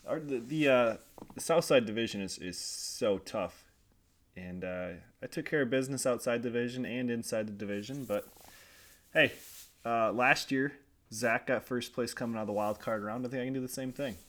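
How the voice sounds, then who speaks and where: A man chatting casually as a guest, joking and a little halting, often repeating his words. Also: mid-range voice, a bit bright. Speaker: guest league member. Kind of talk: casual chat.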